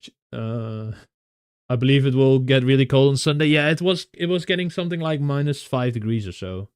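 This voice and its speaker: A young streamer from the Netherlands chats casually with his viewers in a Dutch accent, laughing a lot and restarting sentences. His mid-range voice is smooth and fairly quick, captured in clean studio sound with no room noise.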